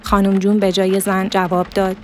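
A woman reading a literary story aloud as narrator, in a steady, measured manner. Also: medium pitch, slight background noise.

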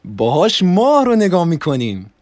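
A man voicing an excitable, cheerful middle-aged father who chuckles and drops into whispers. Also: sits high, no echo, clean studio sound. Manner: chuckling, whispering, mock-serious.

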